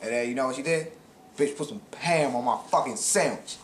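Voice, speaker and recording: A man's voice: medium pitch, a little fast, reverberant, slight background noise. A man joking around in a rambling comic skit, brash and profane, repeating catchphrases. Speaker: comic co-host.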